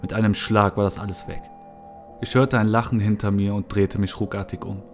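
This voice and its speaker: Low-voiced man narrating a horror story. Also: flat delivery, brisk. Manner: somber, low-key. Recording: soft music behind.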